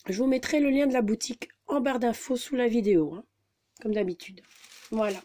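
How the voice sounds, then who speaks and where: A woman's voice: fairly high pitch, brisk, dark tone, slight background noise. A woman, talking casually through a scrapbooking haul, hesitant with many fillers. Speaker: scrapbooking vlogger.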